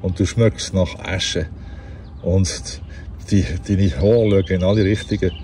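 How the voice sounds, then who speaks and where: A man with a Basel Swiss German accent voicing a vain, fussy young prince who scolds slowly and with disdain. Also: deep voice, fairly even intonation, mellow, a little hiss or hum. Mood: scornful.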